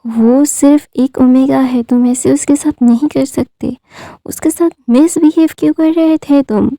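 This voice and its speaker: A woman's voice: high-pitched, steady tone, measured pace, dark tone, dry recording. A woman doing a stern, scolding father. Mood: angry. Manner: harsh, scolding. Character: stern angry father scolding his son.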